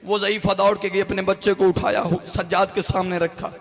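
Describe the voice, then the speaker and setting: A man's voice: high-pitched, flat delivery, fairly quick. A man, leading a mourning gathering as a religious orator. He chants the sermon in a tearful, wailing, sing-song voice. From Pakistan. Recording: echoey hall with long reverb.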